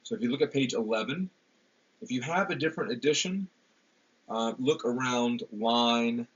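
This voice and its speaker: A man giving a classroom literature lecture, pausing often with ums and repeated words. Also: medium pitch, lively intonation, breathy edge. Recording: dull lo-fi lecture recording.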